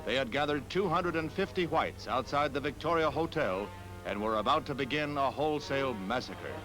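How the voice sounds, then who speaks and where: A man's voice: medium pitch, animated, fairly quick, rough recording. A man giving grave, dramatic announcer narration for an old 1960s archival newsreel. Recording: narration over loud newsreel music.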